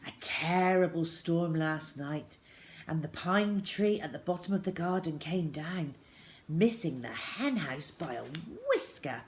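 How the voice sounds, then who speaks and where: A low-pitched woman reads a children's novel aloud, written as a first-person diary, phrasing it expressively and deliberately.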